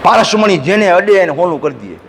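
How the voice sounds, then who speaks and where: A man preaching a devotional sermon at an ashram, telling folksy stories and breaking into slow sung verses. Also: high-pitched, very animated, vocal fry, long reverb tail, slight background noise. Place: ashram hall.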